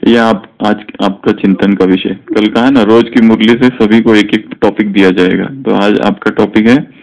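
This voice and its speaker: A man giving a spiritual discourse to a group, teaching in a slow, measured way and mixing in English words. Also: fairly low pitch, steady tone, creaky, darkish tone. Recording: dull lo-fi recording.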